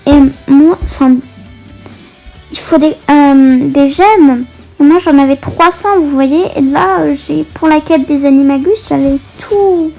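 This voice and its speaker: Woman, high voice, casual gameplay commentary, stumbles and restarts while reading on-screen text. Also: unhurried, dark tone, soft background music. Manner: reads game text aloud with many hesitations. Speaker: gaming video creator. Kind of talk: casual let's-play commentary.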